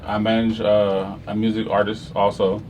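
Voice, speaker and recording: A man co-hosting a casual podcast in an easygoing, halting way. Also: lowish voice, completely flat delivery, darkish tone, far from the mic, muffled recording, slight background noise. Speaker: club promoter and co-host.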